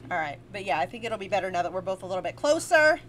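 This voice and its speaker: A woman co-hosting a podcast at home, chatting casually with a friend, loud, teasing and swearing. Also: mid-range voice, very animated, rapid-fire. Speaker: podcast co-host. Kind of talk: casual chat. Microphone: shared desk mic at home.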